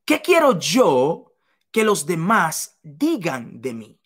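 A woman's voice: lowish voice, very animated, slow, fairly bright tone, slightly rough. A woman giving a motivational seminar talk to business leaders, emphatic and repeating key phrases to the listener.

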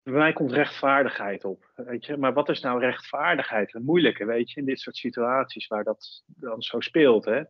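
A man hosting a podcast interview, feeling his way through questions with pauses and fillers. His voice sits at a middle pitch, dry and close to the mic. The recording sounds dull and muffled. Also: husky, no echo. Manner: searching, hesitant questions with many fillers. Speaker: podcast host.

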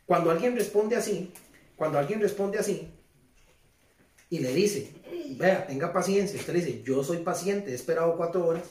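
A man's voice: a little high, moderate pace, a little mellow. A man preaching a conversational sermon who keeps asking his listeners questions and repeats his phrases. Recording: roomy, distant mic.

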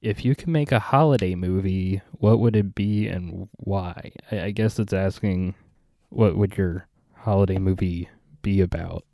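A man hosting a casual comedic chat, laid-back and deadpan, reading out discussion prompts. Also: low-pitched, measured pace, creaky, dry recording. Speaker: podcast host reading prompts.

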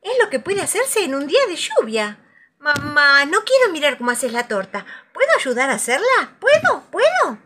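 A woman's voice: high-pitched, wildly swooping pitch, moderate pace, sharp tone, a little hiss or hum, voice pushed up, exaggerated voice. A woman voicing an eager little animal child from a storybook, begging to join in. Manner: pleading, eager.

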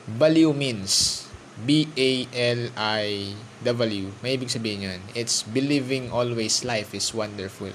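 A man's voice: mid-range voice, slight background noise. A man giving a casual motivational talk alone in his room, switching freely between Tagalog and English and addressing the listener directly. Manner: chatty, mixes Tagalog and English, talks straight to the listener. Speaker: vlogger.

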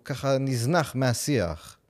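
A man, a native English speaker with an American accent, hosting a podcast interview in a halting way, with frequent drawn-out hesitations. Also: medium pitch, animated, darkish tone. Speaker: podcast host.

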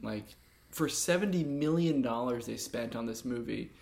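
A man's voice: medium pitch, expressive, moderate pace, vocal fry, a little mellow. A man chatting casually as a co-host on a film discussion show. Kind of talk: casual chat.

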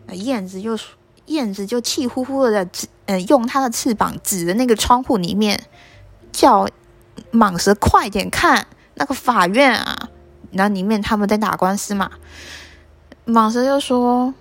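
Gentle woman storyteller. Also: mid-range voice. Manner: gentle, explaining, with pauses. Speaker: storyteller for children. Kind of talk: storytelling to children.

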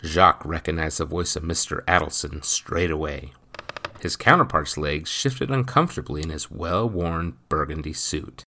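A man reading a story aloud as narrator, with an expressive, dramatic delivery. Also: extremely low pitch, normal speed.

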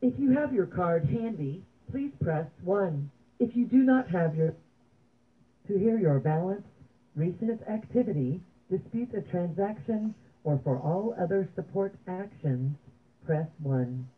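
A woman's recorded voice reading automated phone menu prompts in an even, measured way. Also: on the low side. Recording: tinny phone line.

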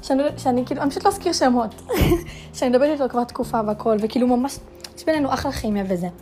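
A woman's voice: high-pitched, dark tone, soft background music. A young woman hosting a casual solo podcast, chatty and full of fillers, piling up dramatic rhetorical questions. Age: young adult. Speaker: podcast host.

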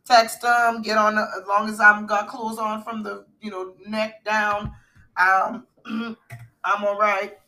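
A woman's voice: medium pitch, level tone, slow, sharp tone. A middle-aged woman co-hosting a podcast in casual chat, rambling with fillers and restarts. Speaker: podcast co-host.

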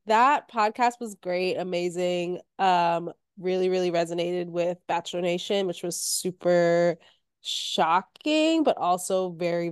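A woman in her thirties talking casually and candidly as a podcast guest while sick and slightly hoarse. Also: on the low side, no room sound, clean studio sound. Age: 30s. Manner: chatty, candid. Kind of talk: casual chat.

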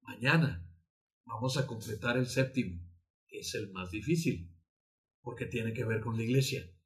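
A man preaching a sermon as pastor, emphatic and repetitive, with sudden loud outbursts. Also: lowish voice, moderate pace. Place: church altar.

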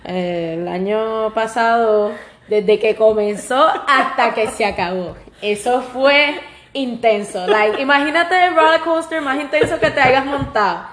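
A woman's voice: fairly high pitch, measured pace, fairly bright tone. Woman, 20s, Puerto Rican accent, podcast co-host, casual chat, laughs a lot, mixes in English, echoey room. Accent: Puerto Rican Spanish. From Puerto Rico. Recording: roomy echo.

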